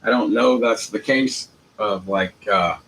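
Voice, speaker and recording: A man's voice: on the low side, measured pace, fairly bright tone, rough recording. A man with a Southern US accent giving an informal, rambling monologue in a folksy, unpolished manner, repeating phrases for emphasis. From Jacksonville, United States. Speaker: amateur legal commentator. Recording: noticeable background noise.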